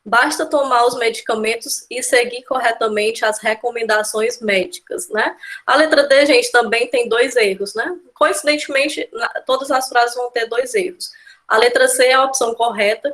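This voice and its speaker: Her fairly high, fairly bright voice moves at normal speed with fairly even intonation as this Brazilian-accented woman teaches exam-prep Portuguese grammar. She walks through each step, checking in often with "né?" and "tá?"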